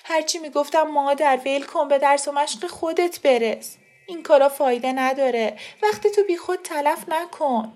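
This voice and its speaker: A woman reader voicing a middle-aged aunt who is tearful and defensive, with a shrill pleading manner. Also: darkish tone, lightly acted. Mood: upset pleading.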